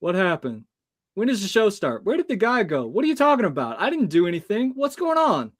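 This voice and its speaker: The voice is high-pitched and a little fast, its pitch swooping wildly. It belongs to an American man in his early thirties who, as a podcast guest, tells animated personal stories and expressively acts out snatches of dialogue.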